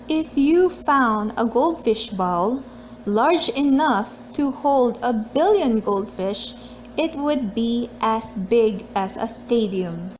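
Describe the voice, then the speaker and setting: A woman with a high-pitched voice reads a children's book aloud at a slow pace. Her delivery is deliberate and expressive, in the style of a homemade read-aloud video. There is noticeable noise behind her. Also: low-quality recording. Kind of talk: picture book read-aloud with casual chat.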